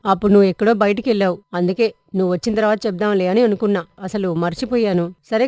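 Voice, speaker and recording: A middle-aged husband, voiced by a woman storyteller, explains himself in a fast, hurried rush. The sound is dry and close. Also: mid-range voice, a little mellow, no echo, natural voice.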